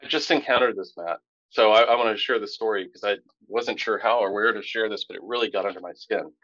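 Casting: low-voiced male podcast co-host, animated storyteller, dull dry lo-fi recording. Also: quick pace, no echo. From Tampa, Florida. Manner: animated storyteller, rising pitch when indignant. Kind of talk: casual storytelling chat.

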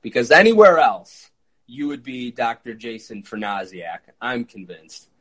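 A man in his early thirties hosting a podcast interview, eager and quick, with frequent fillers. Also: medium pitch, big pitch swings, breathy edge, low-quality recording. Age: 30s. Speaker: podcast host. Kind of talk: conversational interview.

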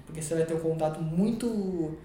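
A man's voice: a little high, brisk, mellow, heavy reverb. A Brazilian man chatting as a podcast guest, rambling and restarting sentences as he searches for words. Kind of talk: casual podcast conversation.

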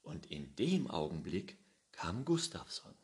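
A man reads a children's storybook aloud in a deep voice. He takes his time and reads with lively, animated emphasis. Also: slow pace. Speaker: narrator.

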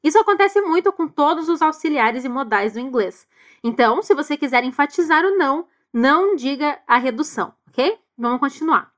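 A woman's voice: high-pitched, animated. A Brazilian woman teaching English to Portuguese speakers, explaining grammar and having the listener repeat phrases after her. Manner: slow, deliberate modeling of English phrases. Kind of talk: language lesson with repeat-after-me drills.

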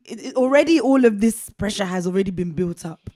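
A woman in her thirties co-hosting a casual faith discussion podcast, chatty and expressive, laughing often. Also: medium pitch, a little fast, no room sound, clean studio sound. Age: 30s. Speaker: podcast co-host.

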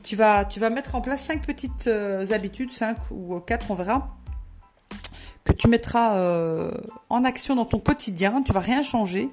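A woman's voice: a little high, measured pace, a little mellow, close to an everyday voice. A woman voicing a confident female friend who firmly gives step-by-step instructions, with faint music behind. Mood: firm, encouraging.

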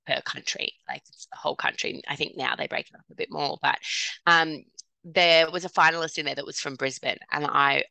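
A woman's voice: low-pitched, fairly even intonation, brisk, creaky, pushed and bright, dry recording. A woman in her thirties, a podcast guest telling her business story in a chatty, self-deprecating way. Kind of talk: candid storytelling in conversation.

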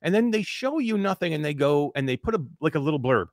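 A man co-hosting a casual chat show, talking in animated rants and often breaking off mid-sentence. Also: fairly high pitch, fast, no echo, clean studio sound. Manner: animated, ranting, self-interrupting. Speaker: podcast co-host.

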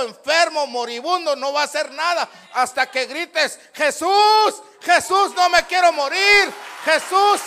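Fervent preacher man with a gravelly, bright voice. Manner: fervent preaching, swinging from shouts to low asides. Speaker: pastor. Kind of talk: sermon.

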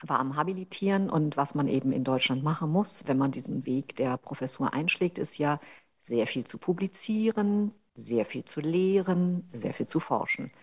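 A woman's voice: low voice, animated, normal speed, husky. A middle-aged woman from Berlin, speaking as an interview guest, telling her career story fluently and articulately. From Berlin, Germany. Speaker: interview guest, coach and author. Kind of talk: conversational interview.

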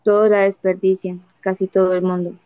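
A worn-out husband in his fifties, dodging and flat-voiced, as a woman reads him. Her tone is smooth and even, and the dry, dull audio has faint music behind it. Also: medium pitch, a little fast, no echo, lightly acted. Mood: weary. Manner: tired, flat, dodging answers. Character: weary evasive husband of fifty-six, man. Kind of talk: audiobook dialogue reading.

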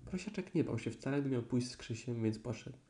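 A man narrating a children's story aloud in a gentle, expressive read-aloud way. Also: mid-range voice, fairly quick. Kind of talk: audiobook storytelling.

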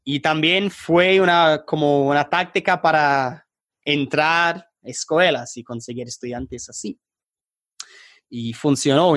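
In a studio-quality, dry recording, a man with a fairly high voice chats casually on a podcast. He's from England, an online tutor and startup founder, speaking Spanish non-natively with an English accent, hesitant and hunting for the right words.

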